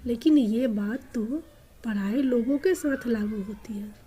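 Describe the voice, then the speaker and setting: A woman voicing a gentle, trusting elderly mother who speaks softly and pleads. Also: on the high side, measured pace, breathy edge.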